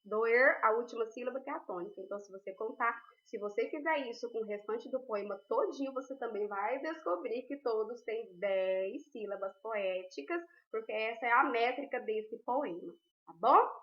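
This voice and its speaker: A woman's voice: on the high side, moderate pace. A woman teacher giving a recorded class, explaining patiently step by step and checking in with her students often. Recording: roomy, dull lo-fi.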